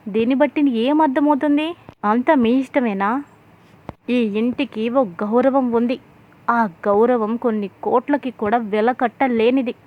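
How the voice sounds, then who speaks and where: A woman's voice: a little high, measured pace, lightly acted. A woman voicing a stern older father who scolds his family. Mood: stern scolding. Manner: scolding, shouting. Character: stern older man, a father and head of the house. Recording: tinny phone-like sound.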